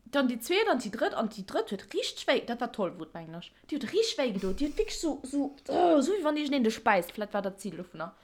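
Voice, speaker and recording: A young woman co-hosting a podcast, chatting casually and telling an animated story with frequent laughter. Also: high-pitched, a little fast, few pauses. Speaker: podcast co-host. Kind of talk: casual chat.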